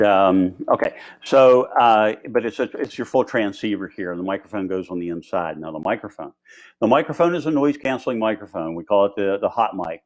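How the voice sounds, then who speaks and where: Low-voiced man giving an informal gear tutorial. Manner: rambling, conversational explaining. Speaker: instructor presenting diving gear. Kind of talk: informal product tutorial on live video.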